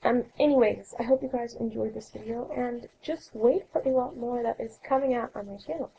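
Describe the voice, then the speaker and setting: A raspy young woman with a cold talks casually over her game footage, rambling and often correcting herself. Her voice sits a bit high but sounds dark and gravelly, and a faint hiss runs underneath. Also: brisk, low-quality recording. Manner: chatty, rambling, self-correcting. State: coughing, sore throat. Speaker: let's play host. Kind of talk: casual gameplay narration.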